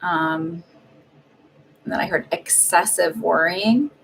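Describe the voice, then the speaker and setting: A woman's voice: fairly low pitch, slow pace, gravelly, slight background noise, rough recording. A woman doing a live-streamed psychic reading, chatting casually and meandering with many fillers. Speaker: psychic reader.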